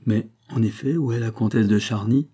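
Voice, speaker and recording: A man's voice: fairly low pitch, normal speed, dark tone, breathy edge. A man reading an audiobook and voicing a puzzled king who asks insistent questions.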